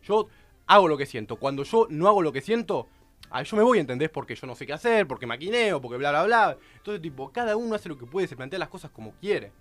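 A man with a Rioplatense Spanish accent, a radio host arguing his point in a heated panel debate, talking in rapid bursts full of restarts. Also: fairly high pitch, no room sound. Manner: rapid, excitable, many restarts.

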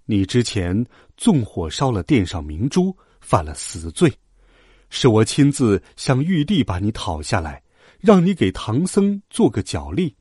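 A man voicing a stern but motherly female bodhisattva in a children's story, speaking slowly and softly. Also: lowish voice, huge pitch swings, slightly rough, no echo, studio quality, voice pushed down, full character voice. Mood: stern gentle. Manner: slow, soft, lecturing.

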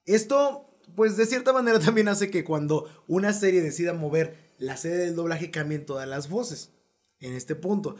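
A man's voice: fairly high pitch, moderate pace. A man explaining things in a casual panel chat, conversational and with hesitation fillers.

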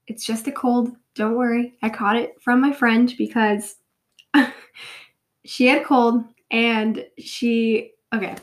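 A podcast host in her twenties has a cold, her voice nasal, congested and sniffly as she chats casually on her solo show. Giggly and self-deprecating, she rambles and jokes at her own expense, taking it slowly in a high-side, flat delivery.

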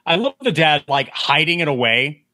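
A dry recording of a podcast host chatting casually about a film in a slightly slow, higher-than-average voice. He stays lively and breaks into a breathy whisper to act out the film's quotes.

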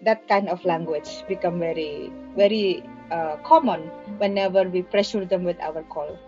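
A woman's voice: lowish voice, moderate pace, mellow, highs cut off, faint music behind. A woman, an organizer answering in an interview with passion, explaining emphatically and repeating phrases to drive points home. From Indonesia. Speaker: migrant workers' organizer and activist.

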